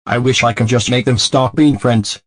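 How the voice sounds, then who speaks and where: A man's voice: medium pitch, moderate pace, no room sound, natural voice. A man voicing a delinquent cartoon car, a scheming troublemaker who stiffly narrates his own plans. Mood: bored, resentful. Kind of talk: scripted cartoon monologue.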